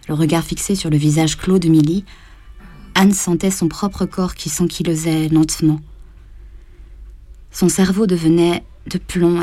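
A woman reading a literary novel aloud in a slow, measured and grave way. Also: low-pitched, mellow. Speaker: audiobook reader.

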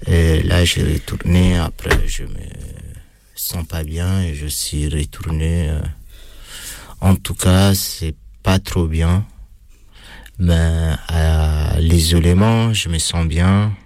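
This low-pitched man speaks French with a foreign accent, his tone steady and darkish. Answering interview questions about his time in prison, he gives casual testimony in a hesitant, halting way, pausing often and filling gaps with hesitation sounds.

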